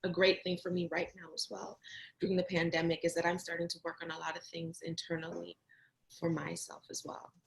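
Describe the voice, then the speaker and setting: Woman, homeschooling mom, casual, chatty, strongly gravelly. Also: on the low side, fairly quick, poor audio. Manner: chatty, lots of "like" and "kinda", animated retelling. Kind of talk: casual conversational sharing.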